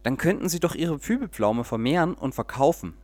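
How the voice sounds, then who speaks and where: A kindly, comforting neighbour woman speaks gently in a storybook tale, as a man reads her aloud. Her voice sits a little higher, and the sound is dry and close. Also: expressive, a little fast, no echo, soft background music. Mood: encouraging.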